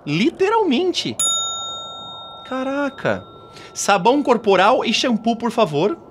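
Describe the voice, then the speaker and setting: A Brazilian man giving excitable, slangy let's play commentary as a gaming youtuber. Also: extremely high pitch, takes it slowly, slight background noise. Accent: Brazilian Portuguese.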